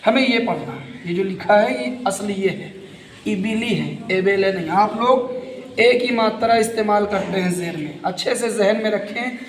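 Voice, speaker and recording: A man's voice: high-pitched, normal speed. A man with an Indian Hindustani accent teaching Quran reading, patiently spelling out letters and repeating sounds step by step. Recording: echoey room with reverb.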